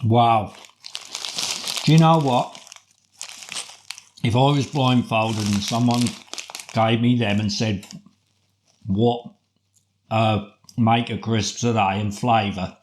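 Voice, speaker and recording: British man, slow-paced casual food reviewer. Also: mid-range voice, a little hiss or hum. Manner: chatty, deliberate, with rhetorical questions. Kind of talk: casual product review talk.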